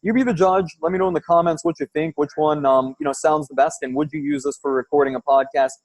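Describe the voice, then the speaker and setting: A man's voice: a little high, fairly even intonation, quick pace, no room sound. A man with a slightly raised voice talks in a loose, conversational way, like a podcaster testing gear for viewers. His voice is captured through an earbud headset serving as the mic, with very little room reflection. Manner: conversational, informal. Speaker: podcaster reviewing earbud microphones. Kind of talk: casual product-test vlog. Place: loud coffee shop. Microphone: wired earbud headset used as mic.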